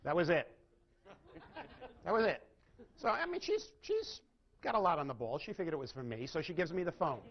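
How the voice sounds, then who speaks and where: A man's voice: on the high side, big pitch swings, fast. A middle-aged man giving a seminar talk, asking the audience questions and answering them himself, recorded on dull lo-fi live-talk audio. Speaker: speaker. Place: lecture room with audience.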